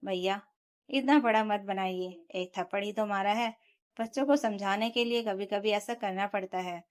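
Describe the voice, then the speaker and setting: A woman's voice: medium pitch, fairly even intonation, moderate pace, close to an everyday voice. Harsh, dismissive sister-in-law who never admits fault, read by a woman storyteller. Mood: scornful. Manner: dismissive, sharp retorts. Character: scornful adult sister-in-law, harsh and unrepentant.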